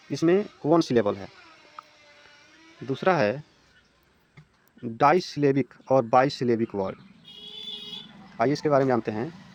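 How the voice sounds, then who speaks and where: A man teaching an English grammar lesson in Hindi, reading English definitions slowly, then explaining quickly and repeating example words. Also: medium pitch. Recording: slightly dull lo-fi recording.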